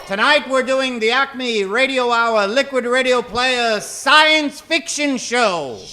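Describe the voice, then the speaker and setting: A man hosts a live improv comedy show, projecting to the audience in a theatrical, mock-formal, old-time radio style. His voice is extremely high, bright and forceful, delivered slowly, on an echoey theater stage with faint hiss.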